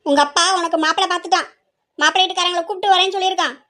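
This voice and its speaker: A woman voicing a stern, scheming middle-aged aunt with a sharp, scolding way of talking. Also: very high voice, fairly even intonation, racing. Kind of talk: hobby audio drama.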